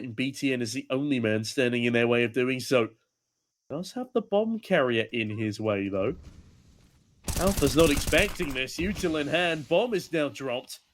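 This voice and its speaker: A man working as an esports caster, giving play-by-play commentary on a shooter match. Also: mid-range voice. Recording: gunfire and game noise behind. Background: video game gunshots and clicks.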